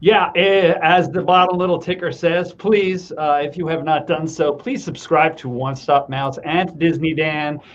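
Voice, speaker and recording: A man's voice: on the high side, fairly even intonation, a little slow, hardly any pauses. Easygoing male host on muffled call audio. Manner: easygoing, chatty, brief affirmations. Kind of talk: casual livestream interview, reading viewer comments.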